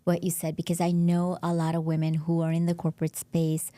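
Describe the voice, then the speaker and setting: A woman's voice: fairly low pitch, completely flat delivery, fairly quick, mellow, dry recording. A woman hosting a podcast interview, chatting casually, laughing often and repeating her words. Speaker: podcast host.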